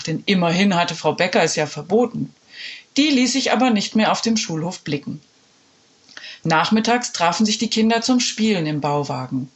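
A woman narrating a children's story in an expressive storytelling manner. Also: on the low side, slightly rough.

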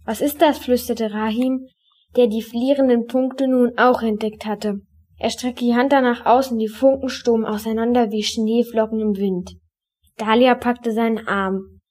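A woman's voice: fairly high pitch, steady tone, a little slow, darkish tone. Woman reading a children's story aloud. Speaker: reader.

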